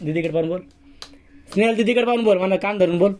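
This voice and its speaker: A man's voice: high voice, quick pace, a little mellow. A man at home sternly scolding a child, asking the same questions again and again. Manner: stern, repeats questions insistently. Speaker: family member scolding a child. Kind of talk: home recording, family scolding. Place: home indoors.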